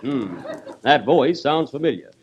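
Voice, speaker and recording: An actor playing a boastful, bumbling cowboy outlaw in a 1930s live radio comedy, with brash, indignant timing. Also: male voice, mid-range voice, lively intonation, measured pace, muffled recording, close to an everyday voice. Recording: noisy 1930s radio broadcast.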